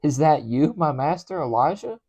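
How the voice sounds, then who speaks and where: A man voicing a frightened male servant who pleads, his voice jumping high with nervous agitation. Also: expressive, brisk, dark tone, lightly acted. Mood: pleading.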